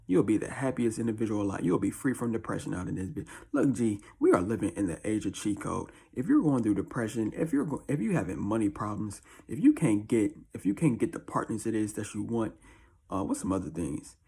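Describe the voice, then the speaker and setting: A man with a deep, husky early-morning voice, chatting casually as a video host in a slangy, repetitive way. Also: big pitch swings, a little fast, warm tone. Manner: slangy, informal, repeats catchphrases. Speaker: YouTube host. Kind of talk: casual chat to camera.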